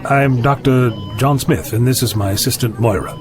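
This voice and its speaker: A man's voice: mid-range voice, normal speed, crowd noise, natural voice. A man playing an eccentric, evasive time-travelling doctor in an audio drama, with a breezy, insistent manner.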